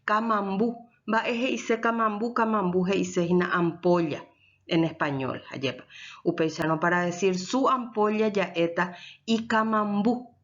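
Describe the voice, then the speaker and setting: A woman teaching Guaraní grammar in a lecture, explaining slowly and often checking with her listeners. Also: medium pitch. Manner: switches between Spanish and Guaraní. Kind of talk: recorded language lecture. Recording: dull lo-fi recording.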